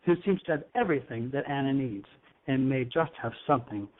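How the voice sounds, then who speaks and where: A man's voice: mid-range voice, lively intonation, brisk, a little hiss or hum. A man hosting a talk show in a flamboyant, teasing, effusive manner. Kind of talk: campy talk show chat. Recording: tinny phone-like line.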